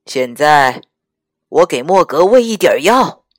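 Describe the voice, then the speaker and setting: A brisk grown-man animal doctor with a lowered voice that stays firm and loud, as a woman reading a storybook puts him on. He talks in slow, measured steps with a lively rise and fall. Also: no room sound, clean studio sound, full character voice. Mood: calm, firm.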